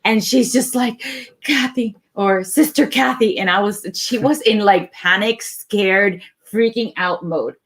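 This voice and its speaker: A woman of ordinary pitch talks through a personal memory in an earnest, conversational way. She acts out the voices of the people she quotes and stays chatty and unhurried. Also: fairly bright tone. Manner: earnest, acts out quoted dialogue, laughs easily. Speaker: co-host sharing her testimony. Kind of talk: conversational storytelling.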